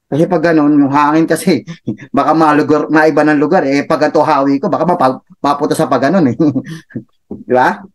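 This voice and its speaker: A man's voice: a little high, fairly even intonation, brisk. A man giving a chatty motivational talk, laughing often and tossing in tag questions. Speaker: motivational speaker for a business club.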